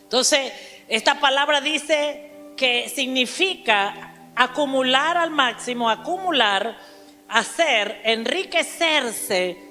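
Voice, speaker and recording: A high, bright woman's voice preaching with emphatic force, calling out to the congregation and slowing down to spell out words. She is recorded on a stage microphone in a church hall, with a long reverb tail and faint music underneath. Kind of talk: sermon.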